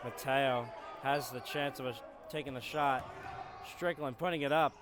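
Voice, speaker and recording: A male play-by-play commentator calls a college basketball game from the arena skybox. He breaks into shouts on the big plays. Arena noise and bouncing balls come through clearly under his voice. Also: mid-range voice, fairly even intonation, moderate pace. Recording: noisy arena broadcast.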